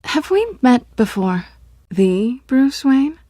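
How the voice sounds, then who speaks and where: Catwoman, mellow-voiced sly thief. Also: high voice, animated, slow, dry recording, studio quality, full character voice. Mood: flirtatious. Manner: teasing, self-assured, guarded. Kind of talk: video game voice acting.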